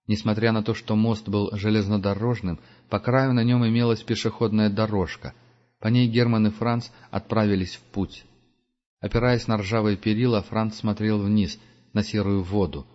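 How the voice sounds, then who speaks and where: A man reads a story aloud in a measured, steady way, his voice sitting fairly low. The recording sounds dull and lo-fi. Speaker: audiobook narrator. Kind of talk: scripted narration.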